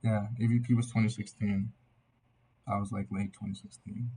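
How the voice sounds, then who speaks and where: A young man giving a casual, tipsy album reaction in a loose, meandering, slightly husky way. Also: on the low side, little pitch movement, moderate pace, dark tone, slight background noise, rough recording. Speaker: amateur music reviewer.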